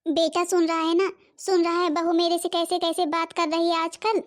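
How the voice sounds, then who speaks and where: A woman's voice: very high voice, flat delivery, moderate pace. A woman voicing a fretful, self-pitying old mother-in-law in a cartoon, complaining plaintively. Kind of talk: Hindi cartoon voice acting.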